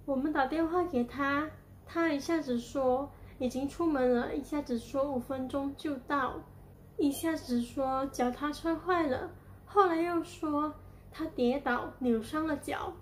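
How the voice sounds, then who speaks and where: A woman's voice: high voice, measured pace, slight background noise. A woman voicing an indignant young boy in a children's story, speaking bluntly and accusingly. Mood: complaining. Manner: scolding, accusing.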